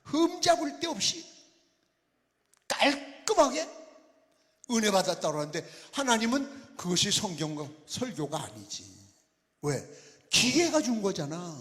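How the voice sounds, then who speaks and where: A man's voice: high voice, a bit bright. An older man from Chungcheong, Korea, a pastor preaching a revival sermon in a folksy, teasing way and quizzing his congregation. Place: large church sanctuary. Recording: long hall reverb.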